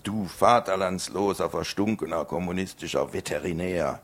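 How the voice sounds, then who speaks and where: Man playing a hostile old farmer, gravelly and very deep, barks his lines. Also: moderate pace, full character voice. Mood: furious. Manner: barking, hostile. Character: gruff angry old male farmer with a gun.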